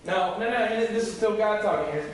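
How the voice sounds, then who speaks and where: A man's voice: high voice, brisk. A young man preaching a conversational, joking sermon as youth pastor, acting out quoted voices. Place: church sanctuary. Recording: echoey room from far off.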